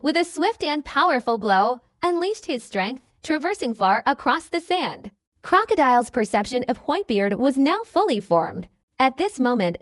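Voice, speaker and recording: A woman narrates an action story in a dramatic audiobook manner. Her voice is high and swings widely in pitch, and the recording is dry and close with no room sound. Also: no echo.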